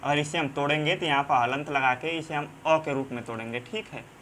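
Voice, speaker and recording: A man with a Banarasi accent teaching a grammar lesson in a fairly high voice. He goes over each term again and again, stops to ask if the class is following, and fills his pauses with drawn-out sounds. A faint hiss runs under the recording. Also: steady tone, fairly bright tone. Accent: Banarasi Hindi. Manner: repeats key terms, checks in with "theek hai"; halting, many fillers and restarts.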